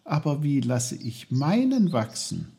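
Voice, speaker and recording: A man doing a high, eager young boy. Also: big pitch swings, a little slow, vocal fry, warm tone, husky, heavily acted. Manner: eager, wondering. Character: curious young boy Peter.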